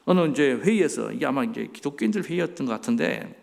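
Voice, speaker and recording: A middle-aged senior pastor preaches a sermon in a church sanctuary, putting rhetorical questions to his congregation. He speaks fast at a medium pitch, in a sing-song, creaky voice, and the church hall adds a long reverb.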